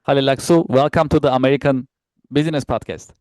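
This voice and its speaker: A man's voice: medium pitch, steady tone, fast, darkish tone, dry recording. A man hosting a podcast interview, politely thanking his guest and hesitating with frequent uhs. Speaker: podcast host.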